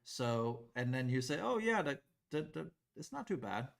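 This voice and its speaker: A middle-aged man from Taiwan teaching a math class in a classroom, lively and asking the class questions. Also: mid-range voice, moderate pace, vocal fry. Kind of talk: classroom lecture at a whiteboard.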